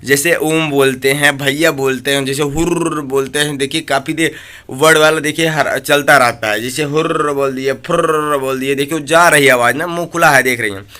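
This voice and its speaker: A man's voice: fairly high pitch, steady tone, normal speed, pushed and bright. A man teaching an exam-prep grammar lesson, asking questions and answering them himself while drawing out vowel sounds to demonstrate. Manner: drills with repeated questions and answers.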